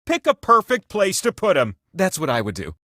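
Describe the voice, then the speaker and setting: An actor voicing a giant talking wheel that hosts a trivia video game, grandiose and playful, with teasing, folksy showmanship. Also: male voice, high voice, wildly swooping pitch, moderate pace, pushed and bright, dry recording, studio quality, full character voice. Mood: playful, coaxing. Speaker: game show host. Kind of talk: theatrical video game host narration.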